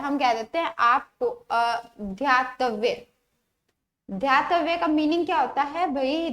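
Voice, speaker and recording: Woman, high voice, teaching grammar for exams, repeats each word, keeps asking questions back. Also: a bit bright. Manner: explains patiently, repeats words, asks rhetorical questions. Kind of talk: exam-prep grammar lesson.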